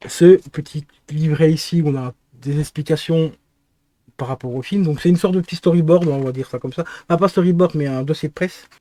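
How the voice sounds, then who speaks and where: A man talking casually to camera about his DVD collection in a relaxed, slangy way. His voice sits a little high but sounds mellow and dark, with a dry, close sound. He hesitates a lot and keeps correcting himself. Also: brisk, no echo. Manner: hesitant, many fillers and self-corrections; relaxed, chatty, uses slang. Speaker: film collector and channel host.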